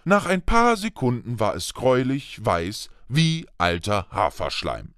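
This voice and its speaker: Slow, lively male audiobook narrator. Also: mid-range voice, no echo, studio quality. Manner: slow, expressive storytelling delivery.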